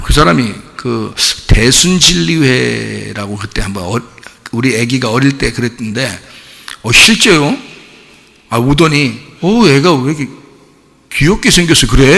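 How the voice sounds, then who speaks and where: A man's voice: medium pitch, lively intonation, normal speed, vocal fry, sharp tone. A middle-aged man preaching a sermon as pastor, telling stories animatedly with mimicry and laughter. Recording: long hall reverb.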